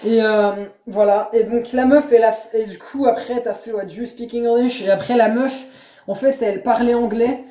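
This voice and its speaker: A young woman vlogger chatting casually, telling an anecdote in lively slangy storytelling. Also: a little high, moderate pace. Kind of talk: casual chat. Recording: echoey room.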